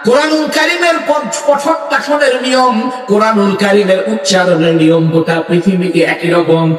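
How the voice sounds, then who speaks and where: Loud, lively Bengali preacher in echoey hall. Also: male voice, sits high, moderate pace, far from the mic, faint music behind. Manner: emphatic, building lists, rising to loud declarations. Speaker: Islamic scholar speaking at a clerics' conference. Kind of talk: Bengali religious speech to a crowd. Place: large hall or outdoor stage with PA.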